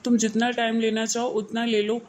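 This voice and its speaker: A woman's voice: on the high side, monotone, brisk, a little mellow, slight background noise, close to an everyday voice, poor audio. A woman voicing a lovesick, earnest young man in a cartoon, pleading with his girlfriend.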